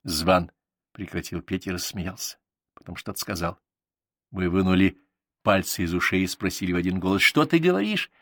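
Low-voiced man reading a story aloud. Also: normal speed, no echo, studio quality. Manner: even storytelling, voicing each character. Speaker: audiobook narrator. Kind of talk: audiobook narration.

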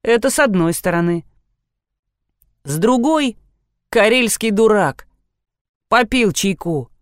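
A woman voicing a brusque male police officer with a brisk, teasing manner. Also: medium pitch, lively intonation, dry recording, studio quality.

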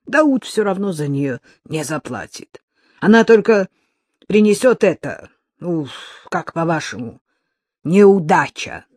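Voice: mid-range voice, sing-song, slow, a little mellow, no room sound, studio quality. A reader doing a drawling accented smuggler. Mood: sullen menace. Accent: strong foreign accent. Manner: insistent, drawling, spiteful. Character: menacing accented male smuggler, sullen.

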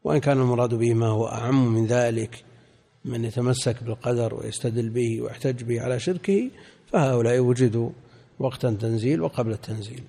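An older man teaching a scholarly lesson, explaining a commentary and correcting the reader in a measured way. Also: medium pitch, fairly even intonation, vocal fry, warm tone. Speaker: sheikh commenting on a classical Quran commentary.

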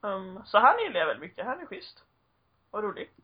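A woman's voice: mid-range voice, very animated, slightly rough. Chatty young woman on dull old recording. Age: 20s. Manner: chatty storytelling with frequent fillers and laughs. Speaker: podcast co-host. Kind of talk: casual chat.

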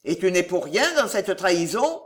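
A reader voicing a marshal who speaks calmly and severely, with cool authority, close to the reader's own voice. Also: medium pitch, moderate pace, lightly acted. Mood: stern calm. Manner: calm and severe. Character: stern, calm nobleman marshal, commanding.

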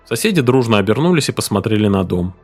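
A man narrating a story in an animated, dramatic way. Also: on the low side, fast talker, faint music behind. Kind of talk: expressive story reading.

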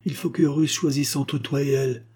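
A man's voice: medium pitch, fairly even intonation, fairly quick, darkish tone, husky, voice pushed up, lightly acted. A man reading aloud, voicing an earnest young scribe giving urgent warnings.

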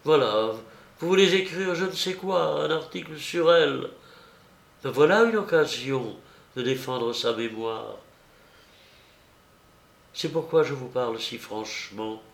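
A man's voice: medium pitch, expressive, measured pace, vocal fry, long pauses. A man reading an audiobook voices a grieving woman, the sister of a dead actress, who talks in an urgent, pleading way. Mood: earnest. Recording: roomy echo.

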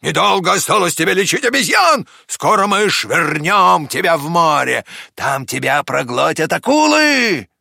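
Man doing a gravelly bellowing pirate villain. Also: a little high, very animated, a little slow, pushed and bright, dry recording, clean studio sound, voice pushed up, heavily acted. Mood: threatening. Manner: bellowing, threatening. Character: fierce shouting pirate captain villain. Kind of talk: storybook reading.

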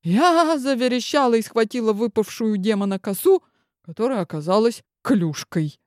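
A woman narrating a comic audiobook in a lively, theatrical reading style. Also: fairly high pitch, normal speed, dry recording, clean studio sound.

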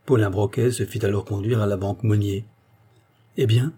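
A man narrating an audiobook in a measured, even way. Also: on the low side, breathy edge. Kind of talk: scripted narration.

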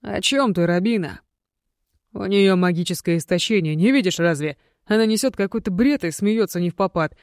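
A woman doing a young werewolf guy, jealous, bossy, indignant, loud and dry. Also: medium pitch, animated, moderate pace, dry recording, close to an everyday voice. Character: jealous young male werewolf student, sharp.

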